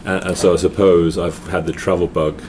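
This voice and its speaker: Speaking fairly quickly in a level tone, a middle-aged man from England tells stories as a guest in a casual conversation, frequently restarting and repeating words. His voice is low-pitched, a little mellow, and carries an English accent, and the hotel around him is noisy.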